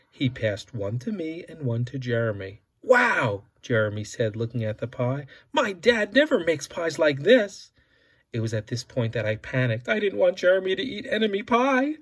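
A father reads a children's picture book aloud to his son, giving life to the characters' quoted lines as he goes. His voice sits on the high side with a breathy edge.

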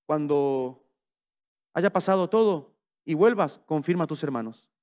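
A male pastor, preaching a sermon with passion, swinging between soft and loud. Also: on the high side, expressive, a little slow. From Paraguay.

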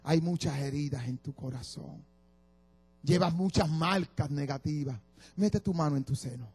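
A man preaching, giving voice to God as he speaks to Moses with passionate, shouted pronouncements. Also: on the high side, moderate pace, slightly rough, soft background music. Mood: tender. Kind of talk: sermon.

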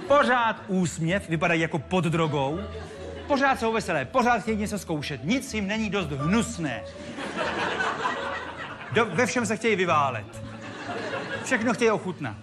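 A man gives an animated, jokey talk to an audience, and his voice swoops up and down as he tells his stories. He speaks a little higher than most men. Music plays clearly in the background. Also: long pauses, crowd noise. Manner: animated, jokey, acts out the characters. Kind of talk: lively storytelling talk to a live audience. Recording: music playing behind.

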